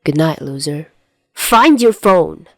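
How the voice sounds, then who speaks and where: A woman's voice: low voice, fairly even intonation, a little fast, darkish tone, no room sound, clean studio sound. A woman reading the text messages of a brash, mocking teenage boy who is impatient and insulting, in a podfic. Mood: impatient teasing.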